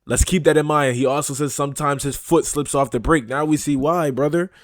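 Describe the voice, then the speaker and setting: A man's voice: on the high side, fairly even intonation, a little fast, no room sound, clean studio sound. A man hosting a reaction video, talking in a casual, incredulous and profane way.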